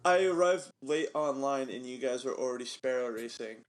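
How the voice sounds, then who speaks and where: A man's voice: mid-range voice, normal speed. A man co-hosting a casual podcast chat, laughing a lot between his sentences. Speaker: podcast co-host.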